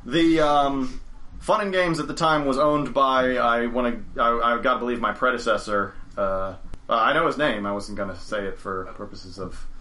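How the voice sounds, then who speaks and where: A man's voice: medium pitch, moderate pace, pushed and bright. A young man chatting on a podcast as a storyteller, rambling and correcting himself as he goes. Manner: rambling, self-correcting, chuckles often. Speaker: game store owner, podcast storyteller. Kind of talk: casual podcast chat. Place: studio.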